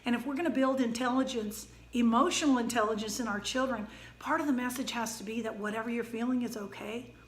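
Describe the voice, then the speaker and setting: Woman, parenting educator, gentle and reassuring, lots of fillers, echoey room. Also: a little high, fairly even intonation, fast talker. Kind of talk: educational talk.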